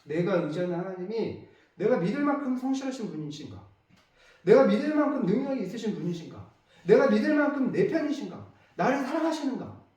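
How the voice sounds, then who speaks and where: A man's voice: high-pitched, very animated, a little fast, a little mellow. A male pastor delivering an emphatic sermon full of rhetorical questions, heard from a distance in an echoey church.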